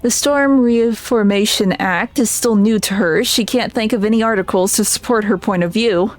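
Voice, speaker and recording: A woman's voice: medium pitch, moderate pace. A woman streamer reading game text aloud on stream, casual and giggly, tripping over words now and then.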